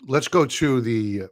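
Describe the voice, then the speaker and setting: On a live market stream, a man with a medium-pitched voice talks through charts in blunt, opinionated terms, using casual slang. He's losing his voice, which grows hoarse and keeps breaking into throat-clearing.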